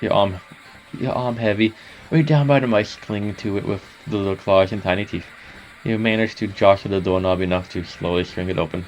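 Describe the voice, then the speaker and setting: A man reading a horror text game aloud as a gaming host, saying the sound effects out loud as he goes. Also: fairly low pitch, fairly quick, soft background music. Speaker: gaming YouTuber.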